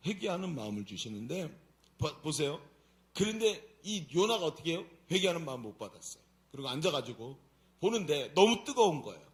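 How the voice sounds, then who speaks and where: A male pastor preaches at a Friday prayer meeting in a church sanctuary, telling a scripture story in a loose, colloquial, animated way. His voice is fairly high for a man and rises and falls widely. He drops to quiet asides and climbs to emphatic peaks. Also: fairly quick.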